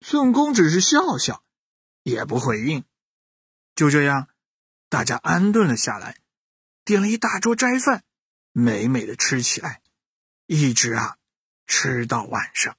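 A man narrating a children's bedtime story in an animated way, speaking straight to the children listening. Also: medium pitch, a little slow, pauses often, slightly rough, no room sound, studio quality. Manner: animated, addressing children directly.

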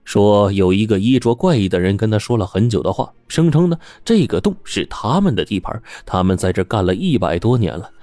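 A man narrating a ghost story in a steady, suspenseful telling. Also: on the low side, a little fast, hardly any pauses, no echo.

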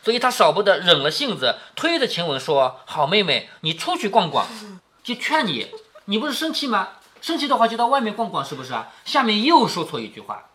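A man's voice: high voice, wildly swooping pitch, fairly quick, pushed and bright. A man reading a classic novel aloud to his daughter and explaining it, often asking "isn't it?" and lifting his voice for quoted lines. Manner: keeps asking tag questions like "isn't it?" to check understanding; reads quoted lines with a raised, acted lilt.

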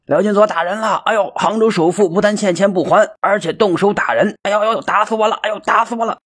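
A man's voice: sits high, fast, a bit bright, slightly rough, voice pushed up. A male storyteller voicing a shameless street rogue who howls and whines as he cries out. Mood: wailing. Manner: howling, whining cries.

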